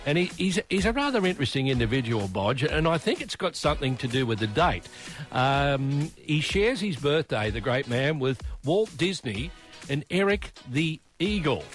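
A man with an Australian accent hosting breakfast radio in a matey, jokey, slangy way. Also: medium pitch. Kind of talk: upbeat radio chat and links. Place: radio studio.

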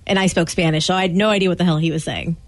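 Quick-talking female radio co-host. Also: on the low side, steady tone. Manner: candid, chatty storyteller. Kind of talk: casual radio banter.

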